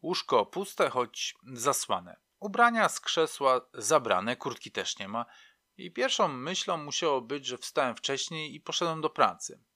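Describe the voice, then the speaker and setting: A man's voice: medium pitch, sing-song, unhurried, pushed and bright, dry recording, studio quality. A man reading a novel aloud in a reflective, wry storytelling manner. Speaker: narrator. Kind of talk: audiobook narration.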